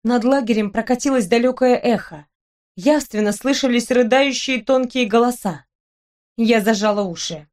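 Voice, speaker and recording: A woman reading a first-person story aloud as audiobook narration, with expressive, lively delivery. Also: on the high side, moderate pace.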